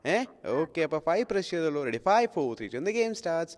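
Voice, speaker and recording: A young man hosting a children's phone-in game show, calling the game with excited, sing-song, coaxing talk aimed at kids. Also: on the high side, unhurried. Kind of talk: live game commentary for kids. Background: background music.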